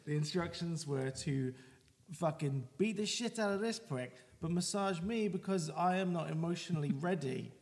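A man with a high voice reads listener mail aloud on a podcast, swearing freely and laughing between lines. His voice rings with a long reverb. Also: normal speed, darkish tone. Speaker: podcast co-host. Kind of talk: casual chat, reading listener mail.

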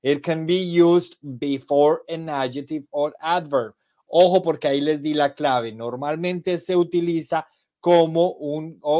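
A man leads a podcast English lesson at an unhurried pace. His voice sits a little high for a man, and he explains each example patiently, with friendly asides to his listeners. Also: darkish tone. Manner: slow explanations switching between Spanish and English examples. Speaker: English teacher.

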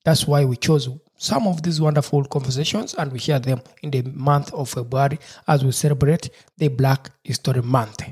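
A man's voice: medium pitch, normal speed, hardly any pauses, darkish tone, husky. A male podcast host from Uganda, reading an earnest, repetitive introduction to an episode.

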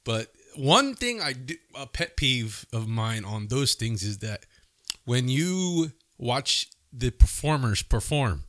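A man's voice: medium pitch, very animated, slow pace, fairly bright tone, no echo. A man co-hosting a podcast, chatting casually. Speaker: podcast co-host. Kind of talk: casual chat.

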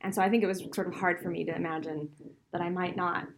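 A middle-aged law professor raised between Venezuela and the US answers interview questions in a chatty, reflective manner, laughing often. Her fairly low voice holds a steady tone as she talks fast, with background noise present.

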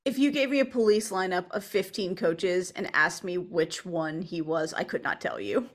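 A woman's voice: fairly low pitch, moderate pace. A woman co-hosting a casual sports podcast, mostly agreeing with wry quips. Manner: short affirmations, wry quips. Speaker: podcast co-host.

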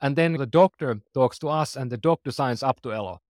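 A man's voice: medium pitch, a little fast, a little mellow, dry recording, clean studio sound. A man in his forties with a Finnish accent, a startup founder talking earnestly in a conversational interview, phrasing loosely with restarts. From Finland. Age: 40s.

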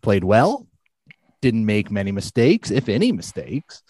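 Podcast host, man, lively swinging low voice, dry close sound, jokey sports chat. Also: measured pace, husky, no room sound. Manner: joking, animated, teasing.

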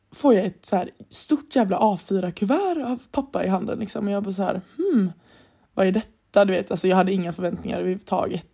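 A woman's voice: mid-range voice, mellow, husky. A young woman from Sweden co-hosting a podcast, telling a story in casual chat and acting out the lines she quotes. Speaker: podcast co-host.

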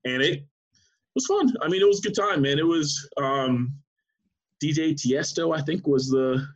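A man who works as a sports writer, telling an animated anecdote in casual chat with many restarts. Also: a little high, normal speed, dull audio.

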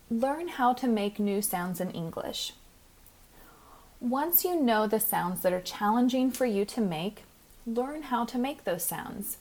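Lady coaching english pronunciation on her podcast, clear and measured, middle pitch. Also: darkish tone. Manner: clear, measured teaching delivery, slows to spell out words. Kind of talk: scripted podcast lesson.

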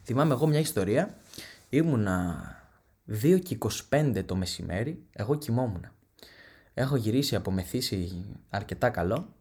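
A young man hosting a podcast, telling profane, animated comic stories and mimicking his relatives. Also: on the low side, breathy edge. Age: young adult. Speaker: podcast host. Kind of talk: comedic storytelling monologue.

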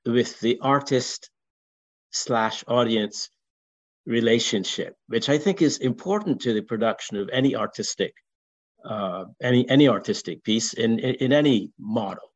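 Older Barbadian man, repetitive deliberate speech. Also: mid-range voice, darkish tone. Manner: repeats words often, deliberate and wordy. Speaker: discussion participant. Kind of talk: casual discussion. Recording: dull lo-fi sound.

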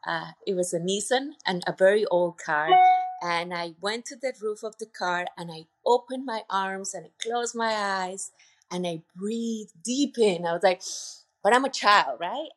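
A woman from Colombia with a Colombian accent, speaking earnestly as a podcast guest, with many fillers. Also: medium pitch. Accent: Colombian Spanish. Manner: earnest, heartfelt, with frequent fillers. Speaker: podcast guest, retreat center owner. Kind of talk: casual interview conversation.

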